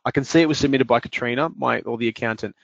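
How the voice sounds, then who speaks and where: A man demos software via screen share, moving step by step at a quick pace with some fillers. His medium-pitched voice is creaky, and the dry recording has its highs cut off.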